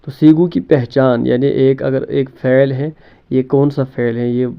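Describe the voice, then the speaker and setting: Brief: male teacher, mid-pitched voice, patient repeat-and-quiz delivery, muffled lo-fi recording. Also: little pitch movement, vocal fry, clear, resonant tone. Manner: asks a question then answers it himself; repeats terms, mixes in English words. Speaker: Arabic grammar teacher. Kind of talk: classroom-style lesson explanation.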